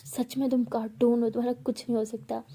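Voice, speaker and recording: A woman's voice: fairly high pitch, level tone, dark tone, breathy edge. A woman voicing a teasing, hyper young college woman who scolds and fusses. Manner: bossy, scolding, fast-talking.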